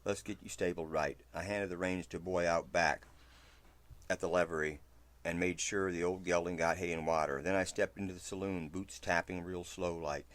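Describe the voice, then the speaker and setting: A man reading a first-person western story aloud, in a steady, low narration. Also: moderate pace.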